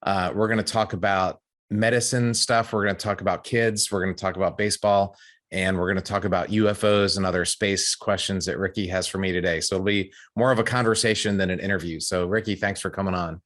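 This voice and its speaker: A man with a fairly low voice hosts a conversational podcast. He sounds enthusiastic and friendly as he introduces his guest and asks about the guest's background. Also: steady tone, fairly quick, a bit bright. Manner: enthusiastic, friendly, with some restarts. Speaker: podcast host.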